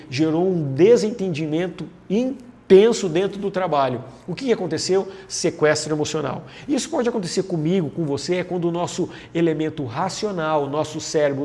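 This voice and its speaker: A man's voice: a little high, a little mellow. A man giving a leadership lesson, asking rhetorical questions and answering them himself, repeating key phrases for emphasis. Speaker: leadership lecturer, host of the series. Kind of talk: talking-head lesson on management.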